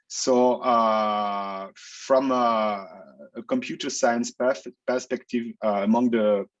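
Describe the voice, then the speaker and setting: A man's voice: lowish voice, highs cut off. A man who grew up in Belgium, a researcher answering interview questions in a casual, hesitant way with many fillers and restarts, speaking over a video call. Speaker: researcher guest.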